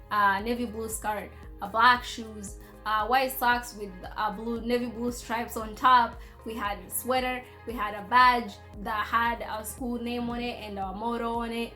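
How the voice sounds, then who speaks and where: High-voiced young woman telling stories casually. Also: fairly even intonation, a little slow, bright, forceful tone, soft background music. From Congo, schooled in Kenya. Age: young adult. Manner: conversational, informal, playful asides. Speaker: vlogger sharing personal experiences. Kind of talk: casual storytelling chat.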